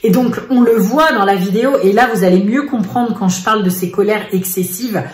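A woman's voice: medium pitch, brisk. Chatty woman vlogger in an echoey room. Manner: animated storyteller, lots of fillers. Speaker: vlogger mother. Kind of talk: casual chat. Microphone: face camera.

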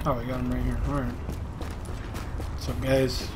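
A man's voice: mid-range voice, completely flat delivery, moderate pace. A man giving casual, laid-back gameplay commentary, talking to himself as he plays. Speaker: gaming streamer. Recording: game gunfire and street noise behind. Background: video game ambience, gunfire, vehicles.

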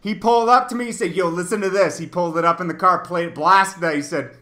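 His voice is high-pitched, quick, pushed and bright as he hosts a hip-hop interview over a video call from an indoor room. The talk is loose and slangy, and he's chatty and emphatic, frequently repeating himself.

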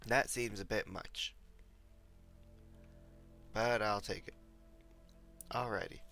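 A young man with a lowish, gravelly voice and a bright edge, getting over a cold. He rambles casually to his viewers while streaming a game, talking into a desk mic. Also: fairly even intonation, slow pace, soft background music. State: recovering from a cold. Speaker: livestreamer. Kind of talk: casual gameplay commentary.

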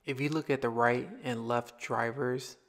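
Male vlogger, mid-pitched, casual rambling product review with frequent restarts. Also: fairly even intonation, measured pace, fairly bright tone. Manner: rambling, repeats himself, restarts phrases. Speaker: tech reviewer.

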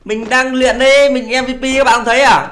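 High-voiced man whining through game commentary. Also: fairly even intonation, a little fast, a bit bright, slight background noise. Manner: whiny, pleading, playfully self-pitying banter. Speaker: gaming channel host. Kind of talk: casual live commentary while playing.

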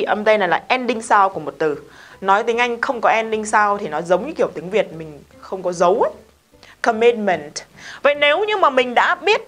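A woman's voice: medium pitch, fairly bright tone. A woman teaching English pronunciation in a casual video lesson, explaining patiently and asking rhetorical questions. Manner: explains patiently, repeats example words slowly, asks rhetorical questions.

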